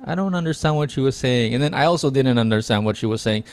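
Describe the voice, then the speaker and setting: Co-hosting a laid-back podcast by video call, a man from the Philippines whose first language is Tagalog talks in an animated, fast, mid-range voice with no room sound. He's indoors in a small room with a dark curtain, on a headset and studio mic. His talk is reflective, full of restarts as he circles back on his thoughts.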